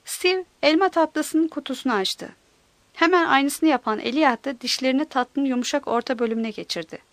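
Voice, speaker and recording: A woman reads a novel aloud with a high, clear voice and a steady, measured pace. The recording is dry and close, with no room sound. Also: dry recording. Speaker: narrator. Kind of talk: audiobook narration.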